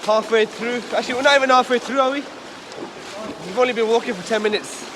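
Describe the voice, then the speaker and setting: A man vlogging excitedly while hiking through a river canyon, joking with his friends and a little out of breath. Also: very high-pitched. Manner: excitable, joking, increasingly hyped. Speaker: travel vlogger. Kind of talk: casual adventure vlogging. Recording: loud rushing water noise. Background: rushing water.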